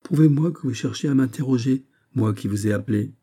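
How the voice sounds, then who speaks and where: A man's voice: mid-range voice, a little fast, warm tone, breathy edge, close to an everyday voice. A man voicing a proud, jealous young princess in an audiobook, speaking haughtily in furious, tearful outbursts. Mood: indignant. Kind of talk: audiobook character reading.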